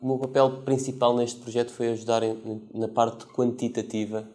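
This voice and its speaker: A man's voice: medium pitch, normal speed. A man researcher, speaking matter-of-factly. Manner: monotone, matter-of-fact. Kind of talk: interview.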